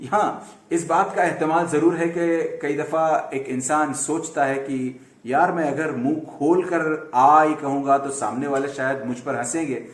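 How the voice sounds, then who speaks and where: A man, slowly and patiently explaining English letter sounds, stretching them out to demonstrate. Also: fairly high pitch, steady tone, echoey room. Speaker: English pronunciation teacher. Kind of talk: explaining lesson to camera.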